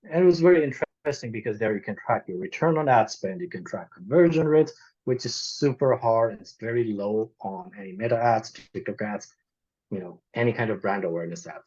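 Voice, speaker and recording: Husky and on the low side, this young man from Nepal talks briskly with a Nepali accent while guesting on an interview about his e-commerce marketing work. His style is laid-back and frank, full of "like" and "you know," captured in dull lo-fi sound.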